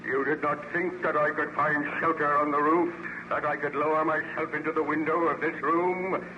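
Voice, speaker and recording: An actor playing a vengeful, contemptuous man-made monster in an old-time radio horror serial, declaiming slowly and grandly. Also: fairly high pitch, little pitch movement, lo-fi sound, natural voice. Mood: gloating. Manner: slow, menacing, grandiose archaic declamation. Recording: noisy, band-limited old radio recording.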